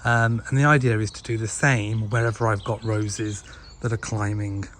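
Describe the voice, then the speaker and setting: A man's voice: on the low side, fairly even intonation, moderate pace, fairly bright tone, a little hiss or hum. A young adult man with an English accent, chatting casually in a self-deprecating, rambling way. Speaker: vlogger. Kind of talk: casual chat.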